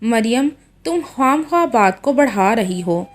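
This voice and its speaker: A woman's voice: a little high, animated, unhurried, faint music behind. A woman voicing a young husband, defensive and pleading, in a read-aloud story. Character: young husband, quick-tempered then regretful.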